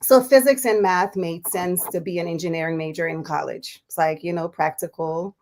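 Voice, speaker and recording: Woman from liberia, 40s, bit low voice, chatty and laughy, lots of ums as she tells her story. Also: fairly even intonation, normal speed, a little mellow, slight background noise. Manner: chatty, laughs often, many fillers. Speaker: guest, physician. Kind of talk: casual interview storytelling.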